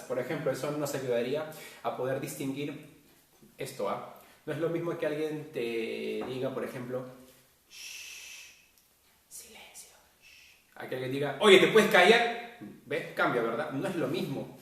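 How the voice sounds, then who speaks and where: Man, schoolteacher, chatty explainer full of fillers, recorded distant and echoey. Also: medium pitch. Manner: explains with many fillers and tag questions. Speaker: teacher. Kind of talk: virtual class lecture. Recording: roomy echo, voice from off-mic.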